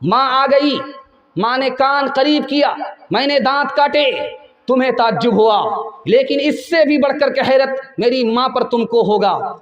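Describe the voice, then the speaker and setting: Man doing a condemned young man, bitter, accusing, high strained voice, echoey hall. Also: dull audio. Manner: raised, anguished, shouting reproach. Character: defiant condemned young man bitterly blaming his mother.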